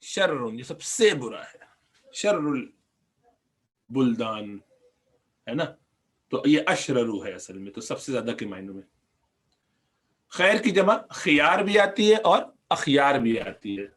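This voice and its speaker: This recorded Arabic grammar class is led by a man with a Pakistani Urdu accent whose medium-pitched voice is sing-song, a bit bright, and breathy at the edges. He explains with patience, repeats words slowly, and quizzes the students.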